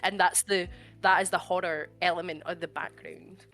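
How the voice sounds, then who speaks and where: A woman's voice: on the low side, steady tone, moderate pace, a bit bright, soft background music. A woman chatting casually on a podcast, laughing often and swearing freely. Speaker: podcast co-host. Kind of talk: casual chat.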